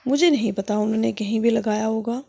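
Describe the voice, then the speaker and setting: A woman's voice: fairly high pitch, creaky, dark tone, slight background noise. A woman voicing a worried, secretive female house maid who speaks in a confiding, pleading tone in a storybook tale.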